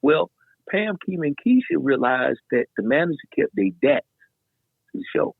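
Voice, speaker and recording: Middle-aged guy spinning a story, husky gravelly voice, bounces all over in pitch, dry thin phone-ish audio. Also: moderate pace, no room sound. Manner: animated, lively storyteller with loose slang and many fillers. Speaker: guest DJ. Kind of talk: casual storytelling in a podcast interview. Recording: dry, tinny phone-like sound.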